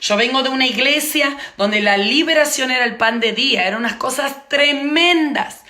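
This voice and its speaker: A woman's voice: sits high, normal speed, pushed and bright. A woman preacher telling a testimony as part of a sermon, in vivid storytelling that repeats phrases for emphasis. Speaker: preacher teaching on intercession. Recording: echoey room.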